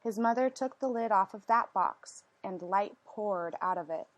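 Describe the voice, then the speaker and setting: A woman reading a storybook aloud as narration, with expressive, deliberate phrasing and questions to her listeners. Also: mid-range voice, muffled recording. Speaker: storyteller reading a picture book.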